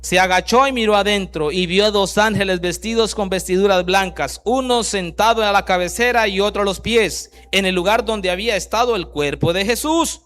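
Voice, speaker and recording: A man preaching a sermon, reading scripture aloud and breaking in with rhetorical questions, swinging from loud bursts down to very soft lines. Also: high voice, normal speed, hardly any pauses. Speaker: pastor.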